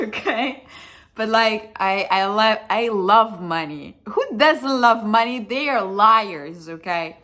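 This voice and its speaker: A young Russian-accented woman vlogs in English, her second language, chatting bluntly to camera, cursing freely and teasing herself. Her voice is medium in pitch, bright and forceful.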